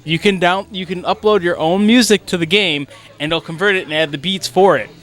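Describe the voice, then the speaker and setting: A man's voice: high voice, brisk, faint music behind. A man co-hosting a gaming podcast, rambling casually with lots of fillers. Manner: relaxed, filler-heavy rambling. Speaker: podcast co-host. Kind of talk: casual chat.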